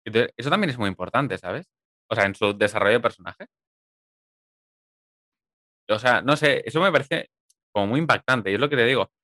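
A man from chatting casually about a film, lively and emphatic, with casual swearing. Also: mid-range voice, a little fast, pauses often, no echo, clean studio sound.

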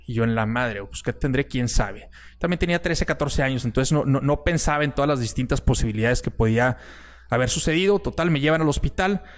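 A man's voice: medium pitch, animated, brisk. A young man from Monterrey with a northern Mexican accent telling a personal story in a casual, slangy way, swearing often and tagging lines with filler questions.

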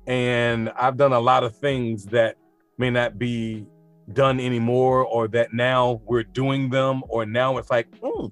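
An experienced male high school teacher talks freely and reflectively in a relaxed, casual interview, breaking into animated, slangy asides. His middle-pitched voice moves at a slow pace, with faint music in the background.

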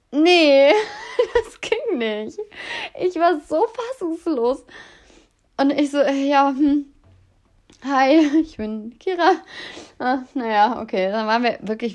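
A young woman in her twenties casually telling dating stories to her viewers, animated and dramatic, often laughing. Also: fairly high pitch. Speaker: vlogger.

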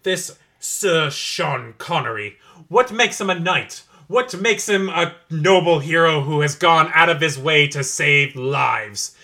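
Man doing a haughty otherworldly dark lord, pompous, theatrical, gravelly, bright edge. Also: a little high, expressive, slow pace, exaggerated voice. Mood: scheming. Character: haughty male dark lord from another realm.

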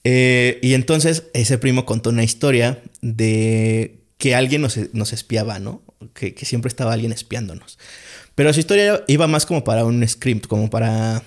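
Mexican guy on a podcast rambling through a story, super slangy, lots of o sea and fillers, mid-pitched voice. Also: moderate pace. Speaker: podcast guest. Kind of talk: casual storytelling chat.

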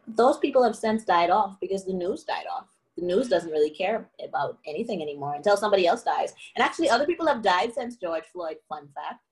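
A woman from the Bahamas talks in a lively, preachy way, driving points home by repeating them. Her voice sits in a middle register, and her delivery is casual and conversational. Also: mid-range voice, brisk, poor audio. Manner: animated, preachy, repeats phrases for emphasis. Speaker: podcast guest, antiracism coach.

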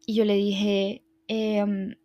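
A woman recounts a personal story as a podcast host. Her delivery is reflective and heartfelt, pausing and restarting often. Her pitch sits mid-range and stays fairly even. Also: lo-fi sound.

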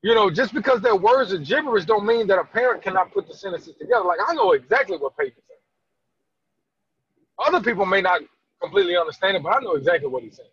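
A man with a high, lively voice speaks earnestly about fatherhood, his tone husky and slightly breathy. He stammers and restarts as he presses his points. The recording is dry and a little dull. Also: quick pace, no room sound. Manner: earnest, emphatic, lots of restarts and stammered repeats. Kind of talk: candid conversational interview.

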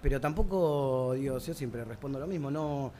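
A man's voice: mid-range voice, normal speed, dark tone, slight background noise. A man with an Argentine accent, a musician guest chatting casually and laughing often at himself. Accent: Argentine Spanish. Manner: self-deprecating, laughs often. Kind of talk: casual chat.

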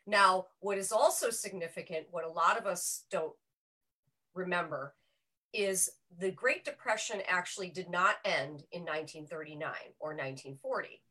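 A woman's voice: fairly low pitch, normal speed, sharp tone, rough recording. A woman on a film discussion panel, chatting casually and explaining history with frequent self-corrections. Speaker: panel member presenting a film pick. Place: small room with a group around one mic.

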